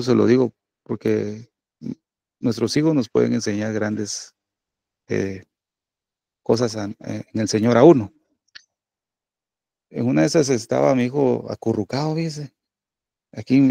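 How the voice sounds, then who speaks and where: A man's voice: mid-range voice, gravelly, warm tone, dry recording. A middle-aged man, a pastor preaching a sermon in a conversational way, often tagging his points with little questions to the listeners.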